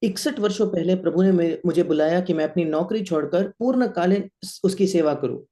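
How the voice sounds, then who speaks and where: Male sermon interpreter, high-pitched, mellow tone, steady line-by-line delivery. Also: a little fast.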